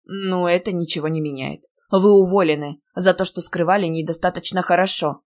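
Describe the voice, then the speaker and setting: A woman reading an audiobook, voicing an indignant, fussy middle-aged male deputy dean who scolds loudly. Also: lowish voice, fairly even intonation, a little fast, close to an everyday voice. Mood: bossy. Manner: loud scolding, theatrical outrage.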